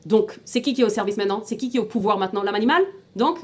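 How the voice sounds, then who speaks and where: A woman races through an informal lesson in a mid-range voice, explaining step by step and asking her students questions. She repeats words and restarts frequently, sprinkling in Hebrew terms.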